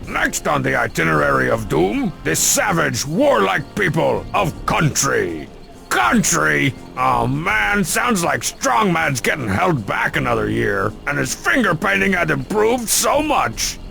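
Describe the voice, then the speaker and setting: Gravelly, cocky cartoon dictator. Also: male voice, fairly high pitch, wildly swooping pitch, a little slow, bright, forceful tone, soft background music, exaggerated voice. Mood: scornful. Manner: pompous, mocking, theatrical. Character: bossy, cocky, sarcastic cartoon would-be dictator. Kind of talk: cartoon game voice acting.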